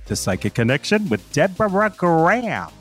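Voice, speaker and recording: A man co-hosts a call-in psychic show with a bright, fairly high voice, playful and campy with quick quips. Faint music sits behind him. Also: big pitch swings. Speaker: co-host.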